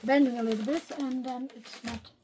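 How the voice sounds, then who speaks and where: A woman talking quietly through her card making at a craft desk, thinking aloud and often half-whispering. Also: on the high side, fairly even intonation, brisk, a little hiss or hum. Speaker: craft video maker.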